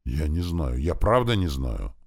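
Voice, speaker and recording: A man's voice: rumbling low, big pitch swings, measured pace, gravelly, full character voice. A man voicing a frightened young male rebel leader who whines and begs. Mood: terrified. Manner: whining, begging, panicky.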